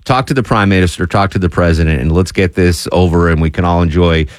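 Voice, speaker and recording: A man's voice: sits low, quick pace, no room sound, clean studio sound. A man hosting a radio talk show, interviewing a guest in a playful, promotional way.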